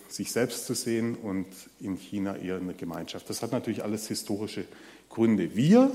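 A man giving a sermon in a conversational way, speaking straight to the congregation and pausing often on fillers. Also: fairly low pitch, mellow, big-room sound. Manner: conversational, addresses the audience directly with many fillers. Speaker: preacher.

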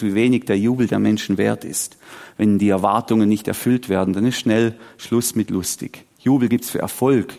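A pastor delivers a sermon in a voice of middling pitch for a man. His telling is animated and dramatic, with sudden falls into quiet, earnest asides. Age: 40s.

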